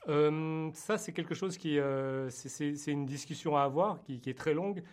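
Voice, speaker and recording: A man's voice: on the high side, moderate pace. A French-born man who created a TV series, answering interview questions hesitantly with many fillers and restarts. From France.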